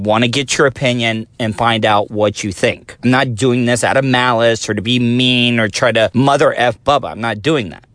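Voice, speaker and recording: A thin-voiced man in his forties hosts a casual solo podcast, rambling and poking fun at himself. His voice sits in the mid range with a fairly bright tone, recorded on a phone with no echo.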